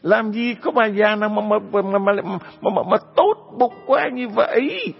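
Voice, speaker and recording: Guy doing a screechy mean stepmother, yelling insults way up high, muffled lo-fi sound. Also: wildly swooping pitch, racing, soft background music, heavily acted. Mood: sneering, shouting. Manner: screeching, scolding, shouting insults. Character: shrill cruel middle-aged stepmother, screeching and abusive. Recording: dull lo-fi recording.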